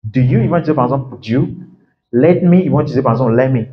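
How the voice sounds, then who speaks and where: A man's voice: mid-range voice, rapid-fire, a little hiss or hum. A man coaches a live group in casual French, repeating English words to model how they sound. His voice sits in the middle of the range. The recording is dull and lo-fi, with a roomy echo. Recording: echoey room, dull lo-fi sound.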